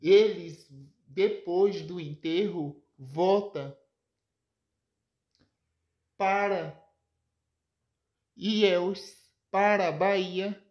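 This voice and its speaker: A woman's voice: lowish voice, extremely slow, long pauses, a little mellow, echoey room, muffled recording. A Brazilian woman retelling a soap opera episode in plain narration. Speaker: storyteller.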